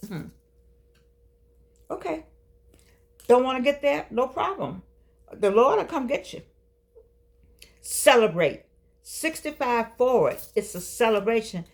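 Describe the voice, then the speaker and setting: An older woman hosts her own show from a home studio with a keyboard, delivering a casual talk show monologue. Her voice is on the high side with vocal fry. She's playful, preachy and coaxing, drawing out phrases for effect.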